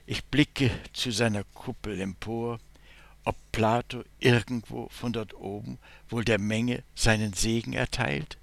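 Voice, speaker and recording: A man giving an expressive literary reading of a first-person letter, swelling in loudness on emphatic phrases. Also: mid-range voice, measured pace, creaky, dry recording. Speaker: reader.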